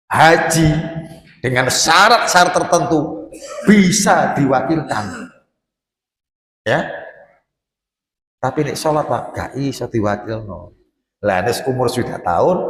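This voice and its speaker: A middle-aged man with an East Javanese accent preaching a Sunday morning mosque sermon, swinging between loud exhortation and quiet storytelling. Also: medium pitch. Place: mosque hall. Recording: echoey hall recording.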